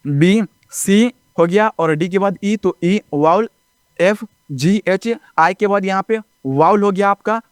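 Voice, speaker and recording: A man with a high-pitched, clean and resonant voice runs a basic lesson. He recites letters slowly and keeps asking his listeners if they follow. The sound is dry and close. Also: smooth, dry recording. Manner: repetitive, keeps checking with "ठीक ना?" and addressing viewers as friends. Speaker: teacher. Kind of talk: classroom-style lesson narration.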